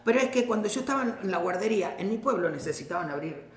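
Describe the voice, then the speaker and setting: A man's voice: high voice, rapid-fire, echoey room, slight background noise. A man, co-hosting a web show, who teases and jokes around in casual chat. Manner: teasing, animated, jokes around.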